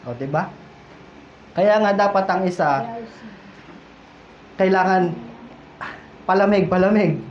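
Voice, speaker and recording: A man's voice: high-pitched, slow, pauses often. A male pastor delivers a casual, joking sermon and keeps turning questions back to the congregation. His voice rings through an echoey church hall. The sound is a little dull, with faint room noise underneath. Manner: conversational, playful, questions the congregation.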